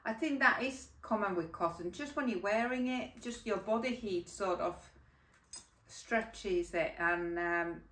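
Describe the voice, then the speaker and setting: A middle-aged Finnish woman hosts a podcast from a room at home beside a yarn cupboard, chatting casually and rambling with lots of fillers. Her mid-range voice is unhurried and fairly bright. The room echoes, and she sits far from the mic.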